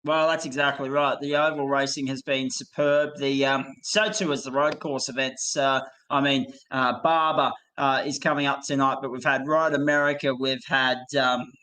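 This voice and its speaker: A man's voice: mid-range voice, flat delivery, normal speed, few pauses, bright, forceful tone, rough recording. A man calling a sim race live, enthusiastic and florid, handing over to his co-commentators.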